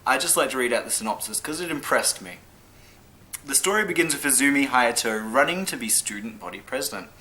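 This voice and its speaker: Bright-voiced playful man chatting. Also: medium pitch, expressive, a little fast, rough recording. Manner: playful, laughs often, stumbles over long titles. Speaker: co-host of an anime discussion channel. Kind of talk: casual chat.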